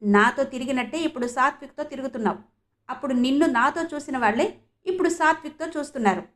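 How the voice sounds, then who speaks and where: A woman voicing a possessive, angry young man who threatens his ex-girlfriend, sneering and loud. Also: high voice, fast talker, voice pushed up, close to an everyday voice. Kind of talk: audiobook character reading.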